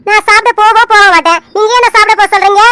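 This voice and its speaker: A woman voicing Poomari, a playful and quick-tempered young village woman in an animated serial, who argues in rapid, indignant bursts. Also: very high voice, slight background noise. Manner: indignant, rapid back-and-forth arguing. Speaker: cartoon character.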